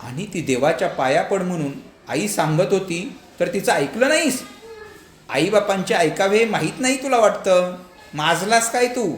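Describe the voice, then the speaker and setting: A man voicing an angry but caring village father in a storybook reading, questioning his son loudly. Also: sits high, expressive, normal speed, pitched above the performer's own voice. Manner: loud, demanding. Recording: echoey room, faint background hum.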